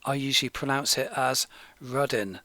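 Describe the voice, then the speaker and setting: A man from Gloucestershire, England, giving scripted documentary narration in a steady, measured, informative way. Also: mid-range voice, dry recording.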